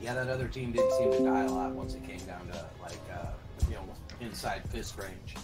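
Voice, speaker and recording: Low-voiced laid-back gaming co-caster. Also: male voice, a little fast, over loud music. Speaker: co-commentator. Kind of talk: casual live-stream commentary.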